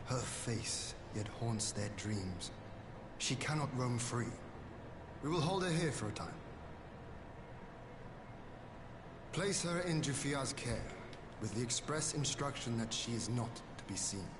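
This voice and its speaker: An actor playing a noble, earnest young warrior lord in a game cutscene, with formal, archaic, measured phrasing. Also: male voice, mid-range voice, sing-song. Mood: firm, commanding. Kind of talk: dramatic game cutscene acting. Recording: game audio with clear background noise.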